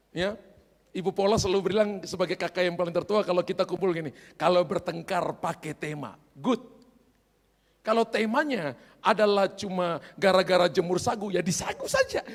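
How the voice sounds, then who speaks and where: High-voiced gravelly man preaching. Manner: lively storyteller acting out voices of his characters. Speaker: pastor. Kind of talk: storytelling sermon. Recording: reverberant hall.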